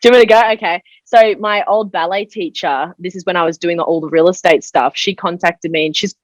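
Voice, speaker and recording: Young woman, low-pitched, dry close sound, chatty interview guest. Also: steady tone, brisk, no echo, low-quality recording. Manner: chatty storyteller, fills speech with 'like'. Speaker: podcast guest. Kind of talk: casual interview chat.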